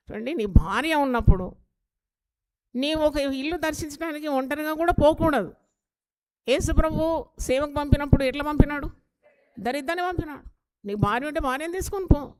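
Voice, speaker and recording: Woman pastor, earnest and exhorting sermon delivery, voice a touch high. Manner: earnest, exhorting, with rhetorical questions.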